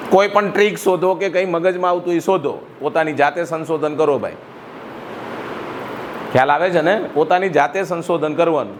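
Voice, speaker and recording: A middle-aged man from Gujarat, India, speaks with a Gujarati accent and a fairly high pitch over a noisy background. He is a school director delivering a motivational speech to students in a school hall, quizzing the room with rhetorical questions.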